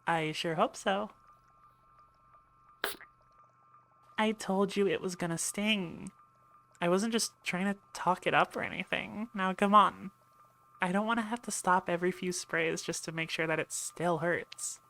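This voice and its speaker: In an ASMR roleplay, a voice actress plays a brusque, sarcastic ship medic who speaks directly to her patient, dry, impatient and exasperated. Her fairly low, creaky voice is fairly bright, with fairly even intonation at a normal speed.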